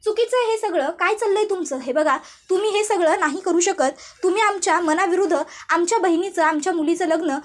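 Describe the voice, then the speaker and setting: A woman reading the lines of a young man, a protective older brother who shouts threats. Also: extremely high pitch, a little fast, voice pushed up. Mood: furious shout.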